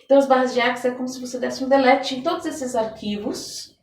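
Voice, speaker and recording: A Brazilian woman with a high voice talks fast with fairly even intonation as a therapist guest on a podcast interview. She explains things conversationally, using everyday examples and imagined quotes. The recording has roomy echo, a distant mic, and background noise.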